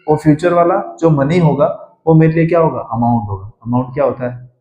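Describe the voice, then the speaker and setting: A man's voice: fairly high pitch, a little mellow. A man tutoring maths to students, asking them questions and answering them himself. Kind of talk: blackboard-style maths lesson. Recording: roomy classroom echo.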